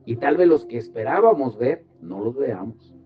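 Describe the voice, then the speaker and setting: Big pitch swings mark this man's medium-pitched voice at normal speed as he teaches a devotional Bible study in his role as pastor. His teaching sermon asks rhetorical questions and directs the group to verses. The audio is slightly dull, with music behind.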